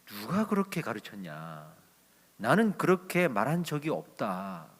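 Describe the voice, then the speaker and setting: A male pastor voicing Jesus, who speaks calmly in a fatherly, reasoning way. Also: mid-range voice, unhurried, breathy edge, in a large hall, full character voice. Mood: gentle. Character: patient, gently correcting Jesus, male.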